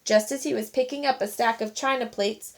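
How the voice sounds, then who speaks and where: A teacher reading a children's storybook aloud with expressive, animated narration. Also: female voice, fairly high pitch, brisk.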